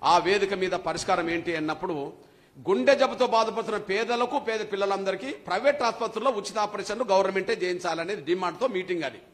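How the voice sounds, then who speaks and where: A man's voice: high-pitched, quick pace. A man with a Telangana Telugu accent giving a public speech at a meeting, telling a story with passion and repetition. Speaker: speaker at a community leaders' meeting.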